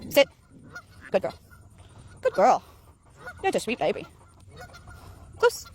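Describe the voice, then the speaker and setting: A woman dog trainer walking a dog in an outdoor park, explaining calmly and praising the dog in high sing-song bursts. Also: unhurried, a little hiss or hum. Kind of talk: casual vlog narration while training a dog. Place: outdoor park path near geese.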